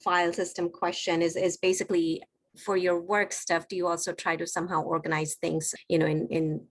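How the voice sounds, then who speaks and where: A woman asks polite, winding questions, often pausing to rephrase them. Her voice sits a little low for a woman. She sounds courteous and a bit unsure as she searches for her words. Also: flat delivery. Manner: polite, hesitant, rambling questions. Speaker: course participant asking questions. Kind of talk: casual conversational questions.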